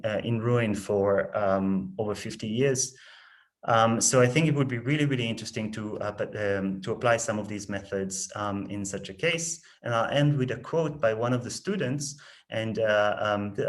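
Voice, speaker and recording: A man's voice: on the low side, rough recording. A man giving an academic presentation over a video call, hesitant and full of fillers. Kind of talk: conference presentation.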